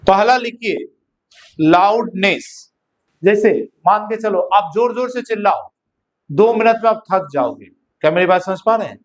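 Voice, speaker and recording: High-voiced Indian physics teacher. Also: male voice. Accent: Indian Hindi-English mix. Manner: slow dictation of notes, checks understanding with repeated questions. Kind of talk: classroom lecture.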